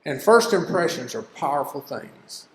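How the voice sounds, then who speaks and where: A man's voice: on the high side, expressive, a little slow. An older man gives a homespun, earnest business lesson, full of stories and folksy turns of phrase. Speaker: business teacher. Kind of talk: folksy teaching talk. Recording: echoey hall with long reverb.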